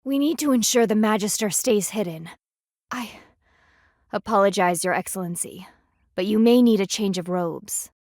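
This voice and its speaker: A woman with a medium-pitched, darkish, near-everyday voice speaks at a moderate pace in clean, echo-free studio audio. She plays a stern, proud anthropomorphic panda woman in a video game, a loyal military guardian whose manner is formal, commanding, clipped, and businesslike.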